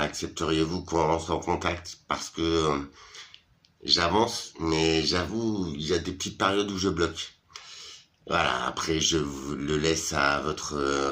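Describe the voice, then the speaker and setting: A man with a very low voice talks casually to his followers, sounding tired. He hesitates a lot and fills his pauses, dropping into slangy, familiar talk as he goes. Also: a bit bright. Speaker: vlogger.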